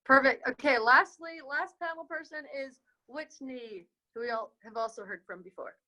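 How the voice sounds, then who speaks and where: A woman's voice: high voice, pushed and bright, low-quality recording. A young woman moderating a casual student webinar over a video call, upbeat and chatty. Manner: upbeat, chatty, quick transitions.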